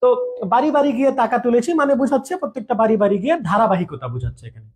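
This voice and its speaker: Man, high voice, grammar teacher, recorded online lecture, chatty, repetitive, jokes around. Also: expressive, rapid-fire, a little mellow. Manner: chatty, repeats examples, asks "ঠিক আছে?" often; jokes with students mid-lesson.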